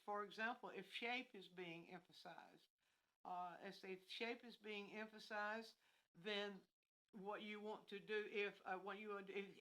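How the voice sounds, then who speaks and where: Brief: older woman, art instructor on a livestream, mid-pitched voice, rambling and self-correcting as she explains. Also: fairly bright tone, poor audio. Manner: thinks aloud with frequent restarts and fillers, self-correcting. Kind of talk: unscripted livestream art lesson. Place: outdoors with fallen leaves behind her.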